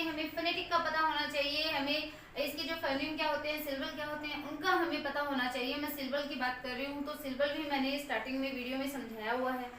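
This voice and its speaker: A woman teaching English pronunciation in Hindi, repeating each word slowly as a drill. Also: high-pitched, bright, forceful tone, slight background noise. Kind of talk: Hindi-language pronunciation lesson. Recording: echoey room from a distance.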